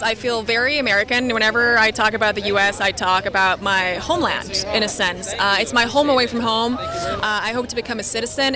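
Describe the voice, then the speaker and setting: A woman, an actress and TV host from Spain, chatting at length and teasing herself in a red carpet interview outdoors. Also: fairly high pitch. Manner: chatty, rambling, self-deprecating. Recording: busy crowd chatter outdoors.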